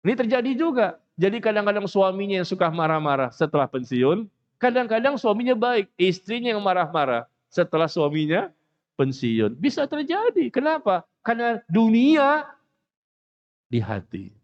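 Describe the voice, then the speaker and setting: A man giving a mosque lecture, animated and joking, acting out the people he talks about. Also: sits high, normal speed, dull audio. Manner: animated, jokes, acts out quoted speakers. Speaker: preacher.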